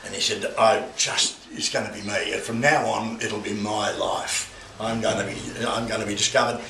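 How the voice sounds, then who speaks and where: At an art exhibition opening in a gallery with a crowd, an older male guest speaker gives a rambling, anecdotal speech with many restarts and bawdy asides. His lowish voice is gravelly, bright, and forceful, with fairly even intonation and moderate pace. He's recorded far from the mic in an echoey, noisy room.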